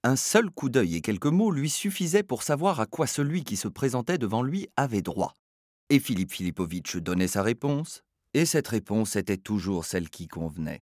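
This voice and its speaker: A man narrating a story in a scripted, expressive and theatrical reading. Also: medium pitch, normal speed, no echo, clean studio sound.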